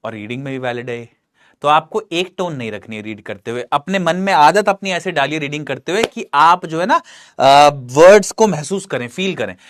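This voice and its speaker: A male English teacher giving an exam-prep lesson with a very lively, swooping delivery. He coaxes his students along and keeps putting questions to the class, then answering them himself. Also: a little high, normal speed. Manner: animated, coaxing, asks and answers his own questions.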